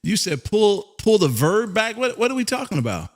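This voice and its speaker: A high-pitched American man hosts live ham radio contacts as an amateur operator, sounding folksy and exuberant. He often repeats a phrase to drive it home, his voice sing-song at a normal speed.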